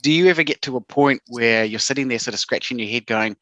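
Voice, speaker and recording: A man's voice: medium pitch, quick pace, bright, forceful tone, dry recording. An easygoing New man hosts a casual podcast in a mid-range voice. He asks long, conversational questions. The sound is dry and close. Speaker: podcast host.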